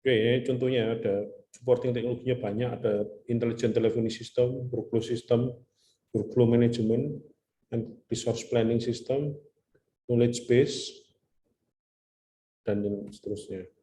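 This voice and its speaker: A man's voice: medium pitch, steady tone, normal speed, dark tone, slight background noise. Chatty male lecturer, echoey room. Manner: chatty, mixes in English terms, tells anecdotes. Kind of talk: casual classroom lecture.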